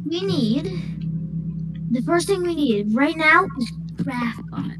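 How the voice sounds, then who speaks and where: A woman's voice: sits high, expressive, takes it slowly, background noise. A female gamer in casual co-op chat, bossy and playful, giving orders to her teammate and humming filler.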